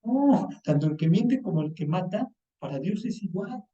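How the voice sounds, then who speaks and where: A Mexican man with a high, dark, mellow voice delivers a lively, colloquial sermon and slips into the voices of the people he quotes. He sounds distant in a roomy, echoing hall, and the recording is dull and lo-fi. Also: normal speed. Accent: Mexican Spanish. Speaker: preacher.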